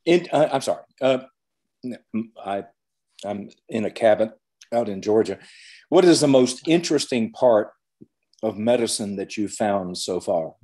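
An older male physician with hiccups, interviewing gently and haltingly over a video call from a cabin. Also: fairly low pitch, expressive. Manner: gentle, halting, many restarts.

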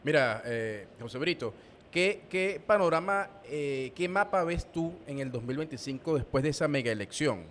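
A man's voice: fairly high pitch, lively intonation, moderate pace, a bit bright, big-room sound, slight background noise. A man co-hosting a political show, asking the guest questions in a searching, slightly hesitant way. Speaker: co-host, interviewer. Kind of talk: political interview.

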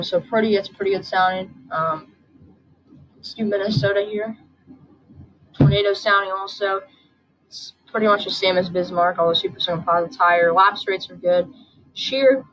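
A woman's voice: medium pitch, slight background noise. A woman with a sore throat, just woken up, hosting a casual weather forecast and thinking aloud as she goes. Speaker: channel host. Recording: dull lo-fi recording with soft background music.

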